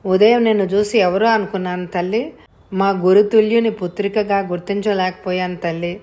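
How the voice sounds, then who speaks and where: A woman voicing a remorseful older man who speaks softly in a choked, tearful voice. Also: mid-range voice, steady tone, brisk, close to an everyday voice.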